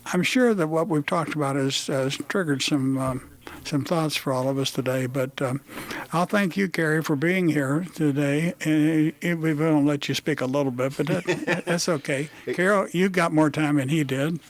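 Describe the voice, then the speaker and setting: A man hosting a radio talk show, interviewing guests in a casual, halting way with many fillers and restarts. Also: on the high side. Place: radio studio.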